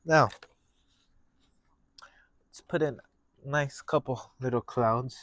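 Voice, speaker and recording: A man hosting a painting lesson, talking through each step casually in a gentle, encouraging manner. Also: mid-range voice, takes it slowly. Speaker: painting instructor and show host.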